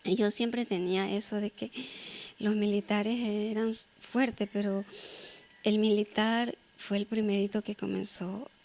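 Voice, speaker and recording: A woman from Ecuador, speaking, gives a personal testimony in a halting storytelling way, with frequent fillers and repeated phrases. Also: mid-range voice, little pitch movement, a little mellow. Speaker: earthquake survivor.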